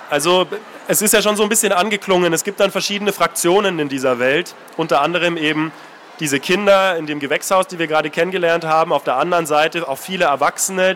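A man talks about his writing in an interview, relaxed and thoughtful, with some filler sounds. His voice sits a little high for a man. A faint background noise runs under his words. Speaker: author. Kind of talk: interview, then reading from his novel.

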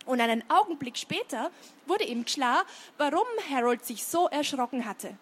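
High-voiced woman, lively children's book reader, chatty asides to kids. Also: moderate pace. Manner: lively storytelling, chatty asides with many fillers. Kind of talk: reading aloud, then explaining to children.

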